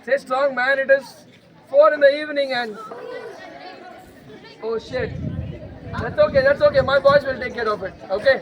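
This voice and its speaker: Man, Indian English accent, Telugu mixed in, self-defense instructor, very high voice, shouted drill commands. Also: steady tone, normal speed, long pauses. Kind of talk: outdoor self-defense class for students. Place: outdoors at a school, large group of students. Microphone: no microphone, camera at a distance. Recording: dull lo-fi sound, crowd noise.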